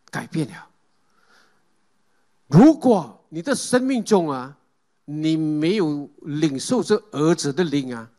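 A man's voice: a little high, darkish tone. A man preaching a sermon, calling out Amen and Hallelujah and putting questions to the congregation. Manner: asks the congregation questions and leads group reading.

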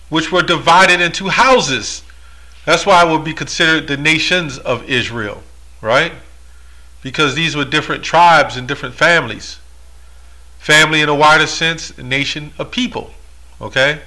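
A man's voice: fairly high pitch, moderate pace, sharp tone. A man reading Bible verses aloud and explaining them in a monologue, with rhetorical asides. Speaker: religious commentator.

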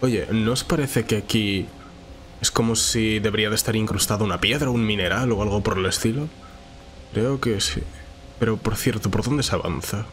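Suffering from a cold, this man sounds nasal and congested with a sore throat as he thinks aloud in casual, chatty Let's Play commentary for his gaming channel. His voice sits on the low side at normal speed, with game music behind him and a little hiss or hum.

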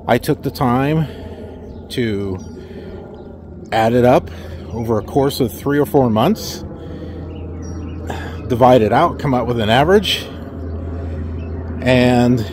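A man's voice: mid-range voice, slow, pauses often, background noise. A middle-aged man talking casually into a phone held at arm's length in an outdoor parking lot, wry and full of rhetorical questions as he recounts his trucking job. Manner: wry, rhetorical questions, mocks company replies. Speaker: truck driver vlogger. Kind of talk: casual talk to camera.

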